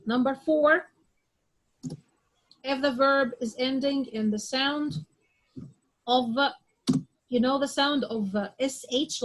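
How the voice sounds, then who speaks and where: Slow, high-voiced woman teaching pronunciation. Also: low-quality recording. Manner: repeats examples and checks understanding with "okay?"; drills word sounds aloud one at a time. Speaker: English teacher. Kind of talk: classroom pronunciation lesson.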